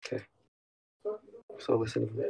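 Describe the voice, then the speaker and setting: A man in his twenties livestreams from a bedroom in a house, talking restlessly to his chat and friends and swearing a lot. He speaks at a moderate pace, with background noise audible.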